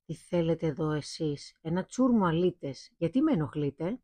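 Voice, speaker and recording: A woman voicing a burly, rude male blacksmith who shouts insults at his guests. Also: sits low, expressive, dry recording. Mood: gruff.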